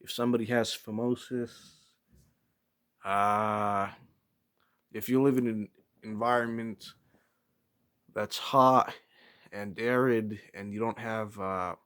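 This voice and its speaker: A man giving a rambling, casual opinion talk as a solo vlogger, hesitant and often pausing to search for words. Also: lowish voice, a bit bright, clear, resonant tone.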